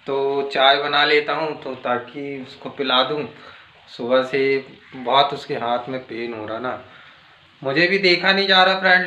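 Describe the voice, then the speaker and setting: A man's voice: fairly high pitch, bright, forceful tone, echoey room. A man chatting casually to viewers in a home vlog, filming on his phone in the kitchen. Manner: chatty, addresses viewers as friends. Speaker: vlogger.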